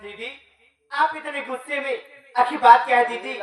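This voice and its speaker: A woman's voice: high voice, steady tone, moderate pace, lightly acted. A woman playing a young woman earnestly pleading on a folk theatre stage. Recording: distant echoey live stage recording. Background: crowd and music.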